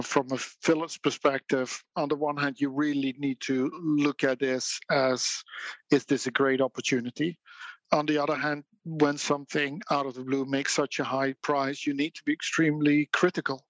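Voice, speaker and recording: Speaking as a guest in a conversational interview, a Dutch-accented auction house specialist sounds thoughtful and balanced, choosing his words with care and letting out an occasional quick laugh. For a man, his voice is slightly high. The audio is dry and close-miked, with no sense of the surrounding room.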